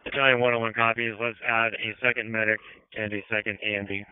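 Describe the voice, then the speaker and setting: Guy running a fire scene over narrow radio, clipped orders, very flat low voice. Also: smooth, dry recording. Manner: brisk, procedural firefighter radio talk. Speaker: fire battalion chief, incident commander. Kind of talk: fire radio dispatch traffic, clipped commands. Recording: narrow-band two-way radio transmission.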